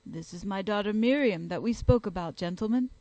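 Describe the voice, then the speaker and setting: A woman's voice: mid-range voice, a little fast, a little mellow, no room sound, lo-fi sound, close to an everyday voice. A woman reading a hasty, defensive old father. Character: anxious older male lodging-house father.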